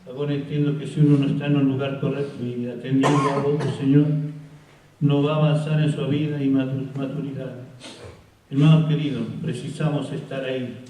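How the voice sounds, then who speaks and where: A man's voice: medium pitch, level tone, fairly quick, dark tone. An older man from Chile preaching a testimony sermon, speaking Spanish mixed with words and building to exhortation, recorded from a distance in a large hall. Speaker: pastor. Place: large hall at a pastors' conference. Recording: very echoey hall, distant mic, faint noise.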